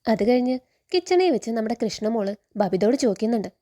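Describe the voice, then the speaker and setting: A Malayali woman from Kerala recaps a TV serial episode, chatting like she's telling a story and adding friendly particles to her sentences. Her voice is mellow and a little high, with big swings in pitch and a quick pace.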